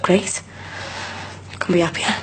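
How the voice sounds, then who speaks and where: A woman's voice: slow, close to an everyday voice. An actress playing a bitter, numb, grieving young woman in a soap opera. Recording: steady background noise.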